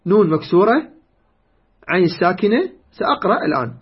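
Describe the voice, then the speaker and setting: Man, Quran recitation teacher, high husky voice, deliberate repetitive explanations, dull lo-fi recording. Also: very animated. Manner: slow, deliberate, repeats key words. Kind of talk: explanatory lesson on recitation variants.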